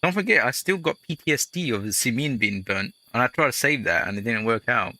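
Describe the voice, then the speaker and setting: Let's play guy rambling on, jokey, very bright voice, dead dry mic. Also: medium pitch, animated, a little fast, no echo. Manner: rambling, chatty storyteller, jokey asides. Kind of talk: casual gameplay commentary.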